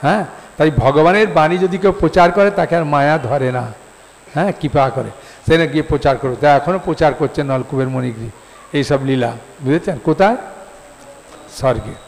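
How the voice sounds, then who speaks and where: A man preaching a devotional sermon, his voice sitting a little higher than most men's. He tells the story with animated storytelling, slipping into voices for each character. A long reverb trails his words around a large hall. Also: moderate pace, vocal fry. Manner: animated storyteller, acting out quoted voices with rising pitch.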